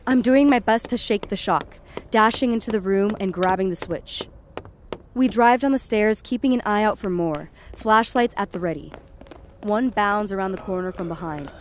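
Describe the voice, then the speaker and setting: In an audio horror drama, a woman with a medium-pitched, near-everyday voice plays a frightened young woman on a trip, narrating her supernatural night firsthand. She sounds tense, dramatic and disgusted, at normal speed over a little hiss or hum.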